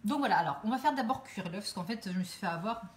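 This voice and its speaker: A woman's voice: mid-range voice, animated, quick pace, slight background noise. A woman hosting a casual live cooking stream from her home kitchen, chatting with viewers through her phone and rambling with many fillers.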